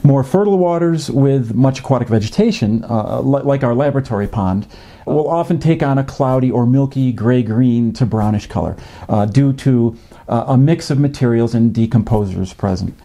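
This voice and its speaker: Dark-voiced middle-aged man explaining calmly. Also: mid-range voice. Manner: measured, explanatory, with frequent uh fillers. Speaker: fishing educator. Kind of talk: educational narration. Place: home office with a desktop computer.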